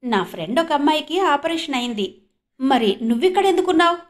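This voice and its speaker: A woman's voice: high voice, lively intonation, a little fast, pitched above the performer's own voice. A woman putting on a sneering, scornful young woman. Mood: mocking. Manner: mocking, scornful.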